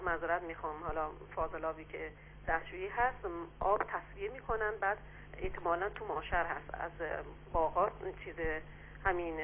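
A woman calling in to a radio show, asking questions hesitantly with many pauses and fillers. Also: fairly low pitch. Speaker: caller. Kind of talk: phone call-in question. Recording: tinny phone line with faint noise.

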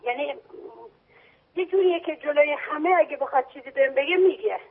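A middle-aged woman from Kurdistan province, Iran, calls in to a radio show with a high voice. She speaks haltingly, with many fillers and restarts. Her voice comes through a tinny, narrow phone line. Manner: hesitant, halting, full of fillers. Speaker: caller.

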